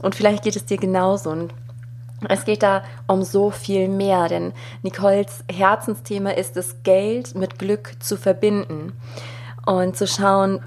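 Sex: woman. Role: podcast host. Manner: gentle, heartfelt. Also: mid-range voice. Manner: gentle, heartfelt, addresses the listener directly. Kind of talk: warm solo podcast intro.

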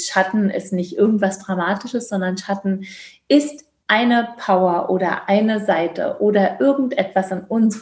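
This midwife, a woman in her fifties who grew up in Georgia, talks reflectively as an interview guest, thoughtful and earnest while often restarting her sentences. Her pitch is fairly low and a little mellow, and the sound is roomy.

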